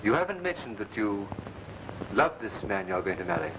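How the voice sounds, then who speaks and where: A man acting in an early talkie film as a suave, possessive lover, speaking in a theatrical, measured, sardonic way. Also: fairly high pitch, very animated, gravelly, full character voice. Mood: insistent. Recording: noisy, hissy early sound film.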